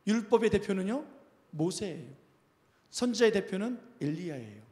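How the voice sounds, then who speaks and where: A male pastor preaching a sermon, emphatic and full of repeated questions to the congregation, in a church sanctuary. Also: high voice. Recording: reverberant church hall.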